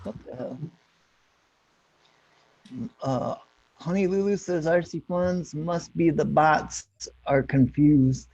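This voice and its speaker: A man in his late thirties hosts a casual livestream, reading the chat aloud and laughing often. His voice sits a little high. The sound is dry and dull, with a lo-fi edge. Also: slow pace, gravelly, long pauses, a little mellow, no echo. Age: 30s. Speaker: livestream host.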